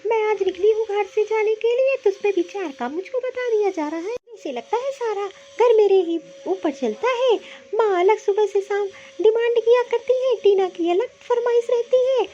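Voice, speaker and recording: A woman's voice: very high voice, sing-song, moderate pace, mellow, lo-fi sound, a little hiss or hum. A woman voicing a sulky, short-tempered young daughter-in-law in a cartoon, talking in an irritable, complaining way. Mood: irritated. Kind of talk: cartoon voice acting.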